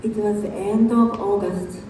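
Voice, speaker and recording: A woman in her forties with a Japanese accent giving a slow, careful tribute, pausing between phrases. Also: medium pitch, steady tone, heavy reverb, far from the mic, noisy background. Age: 40s. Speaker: memorial video speaker.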